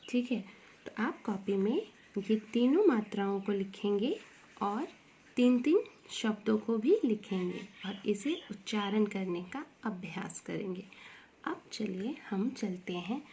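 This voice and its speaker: A woman teaching Hindi grammar to young children, slowly repeating words and asking questions to the class. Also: medium pitch, animated, mellow, slight background noise. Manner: slow, repeats words and asks questions to the pupils.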